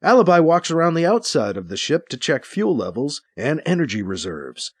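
A man reading scripted audiobook narration of a science-fiction story in a steady, storytelling manner. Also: on the high side, normal speed, slightly rough, dry recording, clean studio sound.

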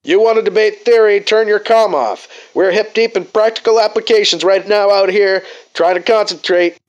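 A man doing a cocky fighter pilot bursting onto the comm, high and loud as he scolds the chatter. The radio leaves his voice dull and muffled. He sounds impatient, with no time to waste. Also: moderate pace. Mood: irritated.

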